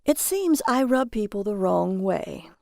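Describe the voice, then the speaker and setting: A woman's voice: medium pitch, big pitch swings, measured pace, gravelly, dark tone, dry recording, studio quality. A woman voicing a polite, exasperated traveler. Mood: confused. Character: bewildered, polite male traveler, adult.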